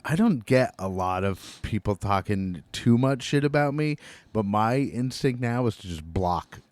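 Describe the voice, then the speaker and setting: Laid-back host with a low, dry voice. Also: male voice, animated, unhurried, a little mellow, no room sound. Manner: laid-back, laughs often, heavy use of "like" and "you know". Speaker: podcast host. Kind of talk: casual interview chat.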